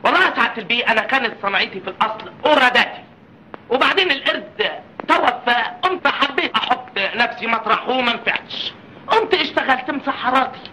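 An actor playing a cheeky, bumbling Egyptian witness in an old film comedy, rambling and wisecracking with exclamations. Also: male voice, very high-pitched, lively intonation, quick pace, pushed and bright, full character voice. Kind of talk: 1940s film comedy acting. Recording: noisy old film soundtrack.

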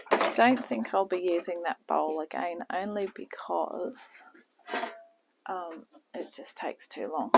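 A middle-aged home cooking host, her voice fairly low and creaky, gives a casual tutorial while cooking in her kitchen and keeps trailing off into muttering. The sound comes from a camera set on the counter, and the kitchen is noisy.

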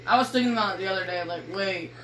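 A woman's voice: medium pitch, racing, a bit bright. Rambling girl filming her game. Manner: rambling, teasing, swears casually. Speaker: gaming video creator. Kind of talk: casual gameplay commentary. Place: dark room at home. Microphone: phone filming a screen. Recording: echoey room with faint noise.

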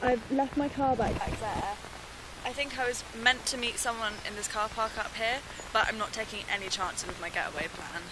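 A woman's voice: fairly high pitch, moderate pace, background noise, natural voice. A woman in her twenties acting an anxious, determined sister confiding in a found-footage video diary. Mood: uneasy, confiding. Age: 20s. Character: worried determined young woman searching for missing sister. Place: small room, then outdoors in bare woodland. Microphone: handheld camera at arm's length.

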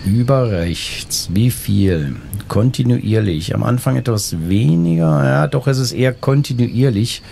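A man's voice: mid-range voice, expressive, a little slow, gravelly, few pauses, warm tone, a little hiss or hum. A man hosting a casual let's play, thinking aloud as he plays. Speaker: gaming video host. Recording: faint game ambience behind. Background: faint game ambience.

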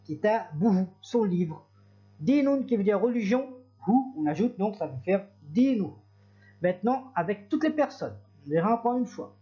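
A man's voice: high voice, big pitch swings, normal speed, warm tone, breathy edge, dull audio. A man teaching an Arabic lesson, patiently repeating each example and correcting himself as he goes. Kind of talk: recorded language lesson.

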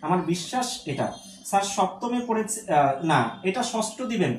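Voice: mid-range voice, lively intonation, moderate pace. Teacher in an echoey room. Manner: asks questions and answers them, repeats key points; mixes English words into speech. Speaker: exam-prep teacher. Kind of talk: live online lesson. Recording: echoey room with faint background noise.

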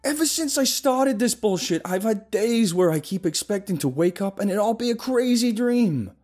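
A man voicing a paranoid young man who shouts frantically. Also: high voice, lively intonation, moderate pace, faint music behind, voice pushed up. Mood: panicked.

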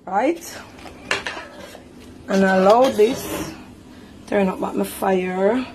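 A woman's voice: medium pitch, extremely slow, background noise. A woman with a Jamaican accent talking viewers through a recipe as she cooks in her home kitchen, chatty and homely. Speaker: home cook. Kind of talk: casual cooking vlog.

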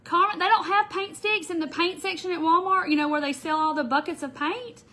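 Her voice is extremely high, a little fast, bright, and forceful, and nasal from the stuffy nose of a summer cold. This middle-aged craft show host runs a casual livestream from an indoor craft room, chatty and greeting viewers by name as she goes, filmed by a camera on the table in front of her.

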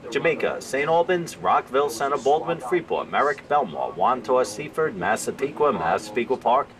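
A man making a train announcement over a station loudspeaker, calling out the stops in a steady announcing cadence in a large train station. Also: mid-range voice, moderate pace. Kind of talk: public address announcement. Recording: distant loudspeaker over crowd noise.

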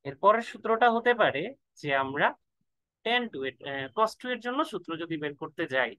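A man's voice: high voice, expressive, brisk, pushed and bright, no echo, low-quality recording. A man tutoring math in a casual lesson, thinking aloud and stretching words out while he works through formulas. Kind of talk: casual lesson, mixing in English.

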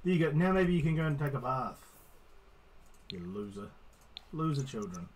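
A man's voice: medium pitch, very animated, normal speed, a little hiss or hum, poor audio. A man giving casual gameplay commentary, teasing and swearing at the characters he controls. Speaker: gaming streamer.

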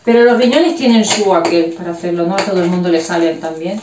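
A Spanish woman talks quickly and bluntly as she unpacks groceries for her vlog. Her voice bounces around a roomy kitchen with clear background noise underneath. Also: fairly low pitch, far from the mic. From Spain. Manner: chatty, blunt, unpacking groceries while talking. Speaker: vlogger. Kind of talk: casual home vlog chat. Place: home kitchen.

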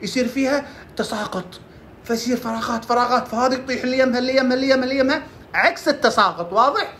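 A woman's voice: sits high, rapid-fire, a bit bright, slight background noise. A woman giving casual health tips, asking and answering her own questions as she goes. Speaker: herbal health presenter.

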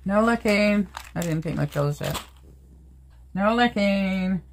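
A woman's voice: medium pitch, lively intonation, takes it slowly, a little hiss or hum. An older Canadian woman films herself with a handheld phone and chats away, easy and homey. She talks to her cat and her viewers with an everyday voice. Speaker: vlogger. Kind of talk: casual everyday vlog. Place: home indoors, then outdoors in snow and in a vehicle.

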